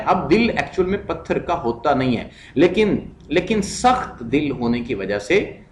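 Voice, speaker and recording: A male English teacher explains grammar in a mix of Hindi-Urdu and English. He reads English examples slowly and repeats each word. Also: medium pitch, echoey room, a little hiss or hum. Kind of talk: recorded classroom lesson.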